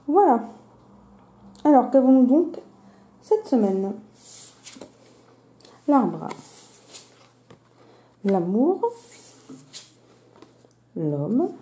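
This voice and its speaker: Hosting her weekly card-reading video, a woman with a slushy lisp on her s sounds explains things casually. Her warm voice is a little high, swings widely in pitch, and goes very slowly with frequent pauses, all in a roomy, echoing space.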